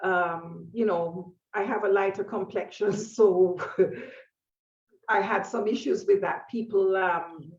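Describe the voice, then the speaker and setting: A woman around sixty from Jamaica, a painter and author speaking as an interview guest, reflective and thoughtful, often pausing with fillers as she tells her story. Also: medium pitch, steady tone. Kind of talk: conversational interview. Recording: echoey, distant, dull sound.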